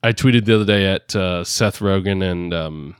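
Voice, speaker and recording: A man's voice: low-pitched, normal speed, smooth, dry recording, studio quality. A man hosting a casual podcast chat, rambling with lots of fillers and frequent laughs, hamming up a New York accent. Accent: put-on New York. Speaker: podcast host. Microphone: headphones and home podcast rig.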